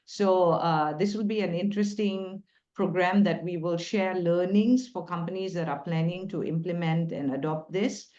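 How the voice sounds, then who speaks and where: A woman's voice: fairly low pitch, steady tone, normal speed, mellow. Woman hosting on a dull video call. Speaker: webinar host. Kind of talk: semi-formal online event hosting.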